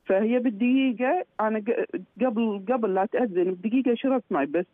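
A woman calling a radio show by phone, telling her account haltingly and restarting words. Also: fairly high pitch, dry recording. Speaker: caller. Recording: dry tinny phone line.

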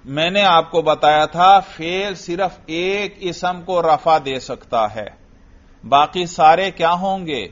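Man teaching grammar, quizzing a student. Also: a little high. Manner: drills student with questions and repeats answers. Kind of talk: Arabic grammar lesson. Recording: dull lo-fi audio.

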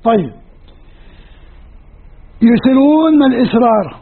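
A man with a Levantine Arabic accent, an Islamic studies teacher, lectures a class on Quranic grammar in a very high, expressive voice at a slightly slow pace. He explains step by step, asking his students questions and answering them, on a tinny lo-fi recording like a phone.

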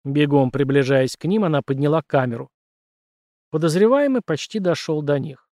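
A male audiobook narrator with a fairly high voice, reading steadily and expressively. The sound is dry and close, with no room around it. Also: expressive, normal speed, darkish tone, no room sound.

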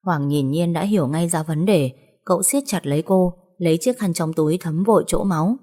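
A woman narrating an audiobook romance in a steady, even storytelling voice. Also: lowish voice, brisk.

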